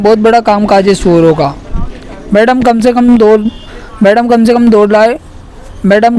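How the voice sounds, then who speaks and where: A man's voice: high-pitched, darkish tone, clean tone. A man making a prank phone call, insistent and mock-earnest, addressing the listener as madam in almost every sentence. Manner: insistent, repeats "madam" constantly. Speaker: prank caller.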